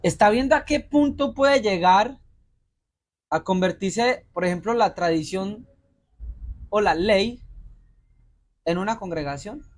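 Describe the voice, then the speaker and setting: A man's voice: high-pitched, slow pace, long pauses. A man preaching a sermon as pastor, speaking straight to his congregation and throwing them rhetorical questions to complete. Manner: direct, exhorting address to listeners.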